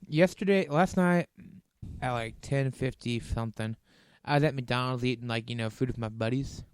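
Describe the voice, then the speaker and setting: A man's voice: mid-range voice, normal speed, smooth, no echo. A young man co-hosting a casual podcast, telling a long rambling story with frequent restarts and laughs. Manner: rambling, laughs through his stories, many restarts. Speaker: podcast co-host.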